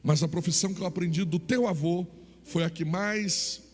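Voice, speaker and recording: A man's voice: sits high, normal speed. A male pastor voicing a kind, wealthy father in a sermon story. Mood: tender. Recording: reverberant church hall, faint music.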